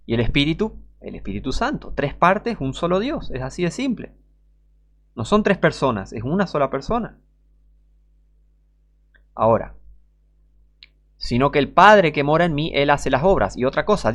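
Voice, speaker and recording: A medium-pitched man with a Rioplatense Spanish accent preaches an informal sermon. He is emphatic and rhetorical, addressing the listener directly.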